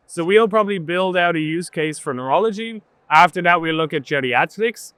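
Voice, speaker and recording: Guy founder on a podcast, bright kinda high voice, animated storyteller, dry close mic. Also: a little fast, clean tone, dry recording. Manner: animated storyteller, quotes himself in dialogue. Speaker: startup founder, guest. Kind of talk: conversational interview.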